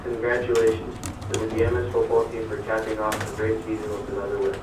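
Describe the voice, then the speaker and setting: A man reading school announcements over an intercom loudspeaker, going steadily through notices and lists of names. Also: lowish voice, completely flat delivery, fast talker. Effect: heard over a school intercom loudspeaker. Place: classroom, played through a wall speaker. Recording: echoey, distant intercom speaker with noise.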